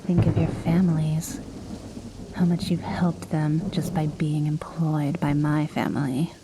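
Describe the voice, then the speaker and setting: Sitting low with little pitch movement, a woman's soft, breathy half-whisper voices a stern, menacing vampire noblewoman in a scripted ASMR roleplay. She is slow, measured, formal and coolly condescending, with background noise and the ambience of rain and thunder.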